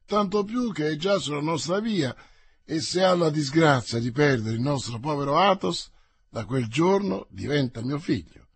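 A shrewd young musketeer from a storybook, giving his warnings in firm, emphatic steps, as the narrator reads him. The voice sits a little high and moves up and down a lot, with a husky grain. The sound is dry and close. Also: lively intonation, moderate pace. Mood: fervent. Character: bold young male musketeer, quick and shrewd.

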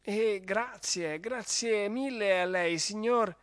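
A storyteller voicing a gallant young baron who speaks politely and softly. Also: male voice, high voice, takes it slowly, clean tone, no echo, voice pushed up. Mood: gentle. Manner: polite, soft-spoken. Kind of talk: storybook reading.

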